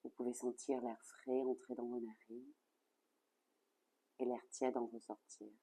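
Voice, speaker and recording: This is a guided yoga nidra relaxation delivered at mid-range pitch. The instructor keeps a soothing, calm, measured manner and lets phrase endings fall softly.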